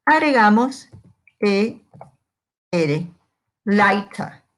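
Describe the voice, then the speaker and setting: Female language teacher, unhurried, patient, asks the class questions and answers them herself. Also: medium pitch, expressive. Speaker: English teacher. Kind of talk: slow, step-by-step grammar lesson.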